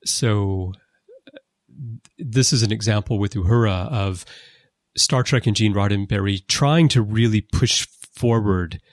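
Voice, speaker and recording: A man hosting a casual podcast conversation, explaining background at length with lively emphasis. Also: on the low side, measured pace, dry recording, studio quality. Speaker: podcast host. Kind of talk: casual conversation about a TV series. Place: lives in Japan.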